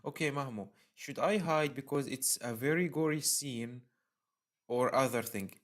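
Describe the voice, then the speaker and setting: A man's voice: medium pitch, measured pace. A man streaming a visual novel, reading the text aloud with dramatic, emotional reactions. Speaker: game streamer.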